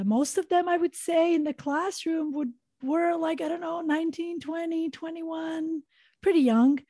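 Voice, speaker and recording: A woman's voice: a little high, dark tone, no room sound. A woman from Montenegro, a podcast guest, talking earnestly in a reflective interview with many fillers and repeated words.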